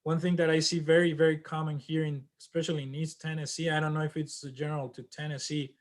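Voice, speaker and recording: A man teaching an online class over a video call, halting with many restarts and fillers. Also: fairly high pitch, flat delivery. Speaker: instructor.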